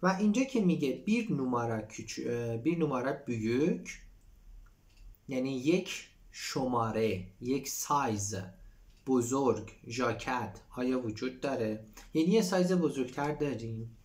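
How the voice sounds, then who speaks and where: Man, language teacher, reads Turkish lines then explains them, mid-pitched voice. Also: animated, darkish tone. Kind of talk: explaining a textbook dialogue.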